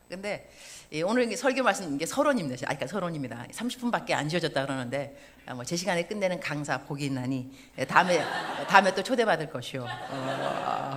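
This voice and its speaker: 50대 여성 선교사가 교회 예배에서 농담을 섞어 가며 유쾌하게 설교한다. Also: female voice, sits low, a little hiss or hum. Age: 50s. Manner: lively, joking and self-mocking. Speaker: missionary preacher. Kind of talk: sermon. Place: church service.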